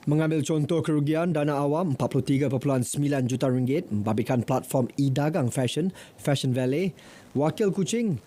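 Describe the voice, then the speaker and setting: A man's voice: fairly high pitch, dark tone. A man reading parliamentary news in a formal studio newsreader delivery. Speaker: news presenter.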